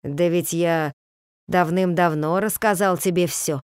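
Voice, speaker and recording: A woman voicing a weary, gentle husband who speaks slowly in a low, subdued, halting way. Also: steady tone, clean tone, no echo, studio quality, lightly acted. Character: weary, soft-spoken husband, gentle, slow.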